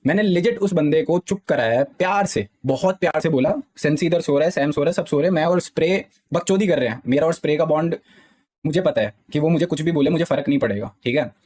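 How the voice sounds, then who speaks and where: A man's voice: on the high side, quick pace, darkish tone. A young man, a gaming streamer, explaining a dispute insistently to his live-stream chat. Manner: insistent, repeats "theek hai" often.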